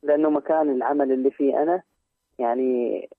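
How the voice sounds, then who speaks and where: A man's voice: mid-range voice, fairly even intonation, fast, dry recording. A man calling in with a question, speaking hesitantly with many fillers and devout greetings. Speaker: caller. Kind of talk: phone-in question. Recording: tinny telephone line.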